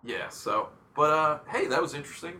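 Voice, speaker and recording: Chatty, bright-voiced male podcast host. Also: a little high, lively intonation, slight background noise. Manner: rambling, chatty, quick asides. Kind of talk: casual chat, beer tasting.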